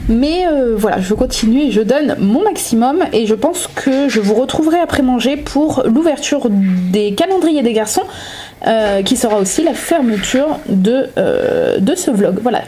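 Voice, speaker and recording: A woman vlogging in a casual, chatty way, often pausing on filler sounds as she talks. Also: a little high, animated, warm tone, a little hiss or hum. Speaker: vlogger and mother. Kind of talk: casual vlog chat.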